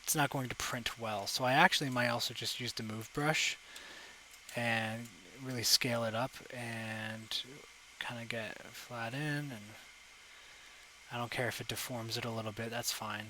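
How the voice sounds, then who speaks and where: A man's voice: medium pitch, fairly even intonation, a little slow, bright, forceful tone, slight background noise, rough recording. A young man talking through a live digital sculpting session at his desk mic, thinking aloud with lots of fillers and self-corrections. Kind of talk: casual live tutorial commentary. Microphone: desk microphone.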